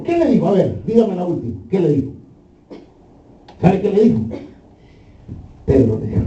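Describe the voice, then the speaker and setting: A man preaches to his congregation, firing questions at them and acting out the lines he quotes. His voice is high and mellow. It comes from a distance in a roomy church, on a dull, muffled recording. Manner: acts out quoted lines, shouting at peaks. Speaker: pastor. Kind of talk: sermon.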